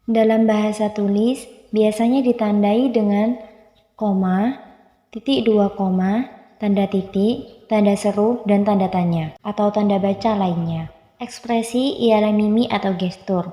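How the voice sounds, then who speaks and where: A young woman student reading a phonology lesson aloud, going slowly through examples letter by letter. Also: mid-range voice, dark tone. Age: young adult. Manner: reads steadily, slowing to list letters one by one. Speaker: university student presenting. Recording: dull lo-fi sound with long room echo.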